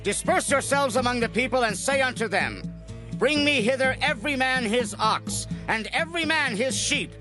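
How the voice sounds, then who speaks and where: A man's voice: very high-pitched, lively intonation, normal speed, music in the background, poor audio. A man playing a stern, commanding king of ancient Israel in a dramatized scripture reading, declaiming his orders.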